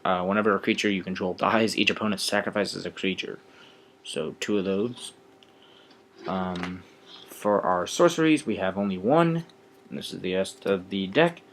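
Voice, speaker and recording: Young guy, lowish voice, kinda bored, lots of ums going over his card deck. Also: slight background noise. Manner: low-energy, halting, with frequent ums. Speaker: card game deck presenter. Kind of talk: casual deck explanation.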